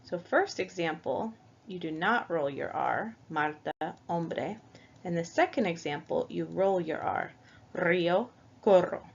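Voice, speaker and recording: A woman's voice: lowish voice, animated, moderate pace, vocal fry, breathy edge. A woman teaching a Spanish language lesson, going through the alphabet letter by letter and patiently spelling out each example. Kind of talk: slow, careful language lesson. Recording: dull lo-fi recording.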